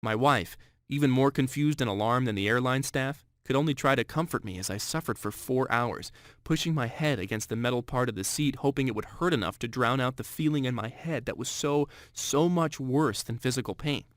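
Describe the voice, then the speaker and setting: A man's voice: medium pitch, brisk, no echo, studio quality. A man in his thirties telling a scripted first-person story with earnest, dramatic emphasis. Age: 30s. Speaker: sales narrator.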